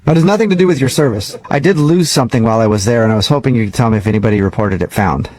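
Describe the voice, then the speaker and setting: A man making a prank phone call, earnest and completely deadpan. He talks quickly in a dry, close-up sound. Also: medium pitch, dry recording. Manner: earnest, matter-of-fact deadpan. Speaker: prank caller.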